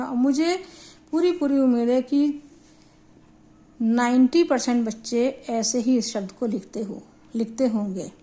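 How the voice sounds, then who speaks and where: A woman teaching a Hindi grammar lesson, explaining slowly and deliberately and spelling out syllables for her students. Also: fairly high pitch, warm tone.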